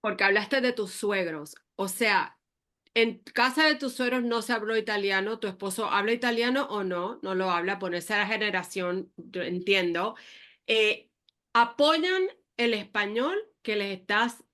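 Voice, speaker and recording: A woman's voice: medium pitch, measured pace. A woman hosting a podcast, asking her guest questions in a conversational way. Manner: conversational, asks questions in a friendly, relaxed way. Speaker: podcast host. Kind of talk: casual interview.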